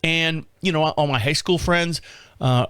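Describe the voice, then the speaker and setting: Fifty-something guy rambling on his own podcast, kinda high voice, laughs at himself a lot, dead dry mic. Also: measured pace, pushed and bright, clean tone, no echo. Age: 50s. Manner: rambling, self-mocking, laughs often. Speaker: podcast host. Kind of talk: casual solo monologue.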